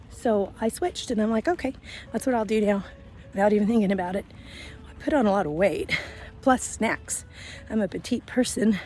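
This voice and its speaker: A woman's voice: mid-range voice, a little mellow. Woman, 50s, chatty walk-and-talk vlogger, slightly winded, faint outdoor noise. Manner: chatty, rambling with fillers and self-corrections. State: a little out of breath. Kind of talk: casual walk-and-talk vlog. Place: outdoors in a grassy field. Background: faint traffic and a passing airplane.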